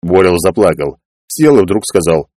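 A man narrating a storybook as audiobook reader, in an expressive storytelling manner. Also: low-pitched, normal speed, dry recording. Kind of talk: scripted narration.

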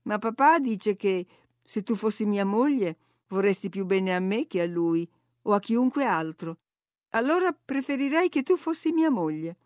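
A woman's voice: mid-range voice, animated, normal speed, no echo, studio quality, natural voice. A woman voicing a sickly, petulant teenage boy in an audiobook reading, whiny and taunting. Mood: wheedling. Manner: whiny and taunting, sing-song jeering.

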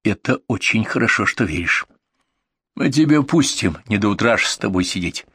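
A man's voice: lively intonation, normal speed, fairly bright tone, slightly rough, dry recording, full character voice. A man doing a hissing, menacing burly paramedic. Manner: low, hissing, threatening.

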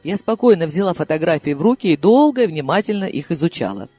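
A male audiobook reader with a fairly high voice and a very lively, rising-and-falling delivery. He narrates dramatically in the first person while soft music plays behind. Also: quick pace. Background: soft background music.

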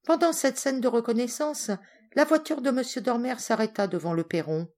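A woman reading a classic children's story aloud as an audiobook narrator, clear and measured. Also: a little high, a little mellow. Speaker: volunteer audiobook reader.

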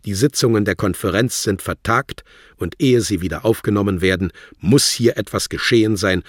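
A man voicing a scornful, threatening embassy secretary with a guttural, rasping snarl. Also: deep voice, very animated, measured pace, no echo, studio quality, voice pushed up, exaggerated voice. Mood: dismissive. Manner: mocking, threatening, condescending. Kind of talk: audiobook character voice.

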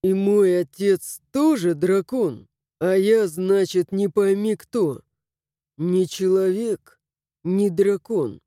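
A man reads a young highlander, stung and bitter, in an audiobook scene. His voice sits high for a man, but the tone is dark and mellow. The delivery is slow, as if every word has to be pushed out. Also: no room sound, clean studio sound. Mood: stunned. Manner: anguished, pleading. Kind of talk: audiobook character voice.

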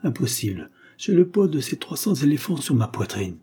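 A jittery older English aunt in an old adventure storybook, voiced by a male narrator. She frets and complains, and her husky, dark tone is lifted a little above the reader's own. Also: mid-range voice, very animated, moderate pace, pitched above the performer's own voice. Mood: despairing. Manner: anxious, complaining.

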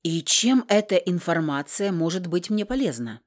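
A woman voicing a calm, curious young woman who talks bluntly and dryly. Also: lowish voice, moderate pace, natural voice. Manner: blunt, dry.

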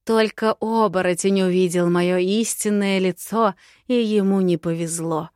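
A woman voicing a scheming, cruel witch who taunts in drawn-out, sing-song phrases. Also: medium pitch, no echo, clean studio sound, close to an everyday voice. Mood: mocking. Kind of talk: audiobook character voice.

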